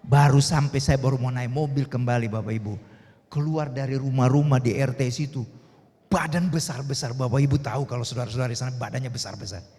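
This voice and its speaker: Animated male preacher in echoing church. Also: fast talker. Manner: animated storytelling, voices quoted people at high pitch. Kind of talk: sermon with storytelling and closing prayer. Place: church service hall. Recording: long church reverb.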